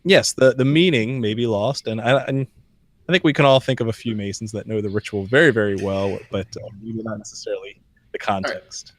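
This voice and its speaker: A man speaking thoughtfully on a podcast panel, recounting a story in a measured way with some fillers. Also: fairly low pitch, fairly even intonation, no room sound. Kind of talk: conversational podcast discussion.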